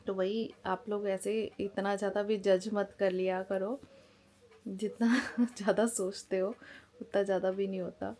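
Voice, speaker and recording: This Indian woman in her forties chats plainly and openly to camera from home as a family vlogger. She has a mid-range, slightly mellow voice with a level tone and a somewhat slow pace.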